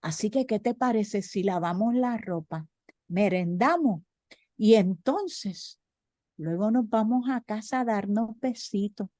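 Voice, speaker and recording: A woman's voice: mid-range voice, a little slow, mellow, no room sound, studio quality, close to an everyday voice. A woman voicing an easygoing male mouse husband in a folk tale, soothing and reassuring. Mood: calm reassuring.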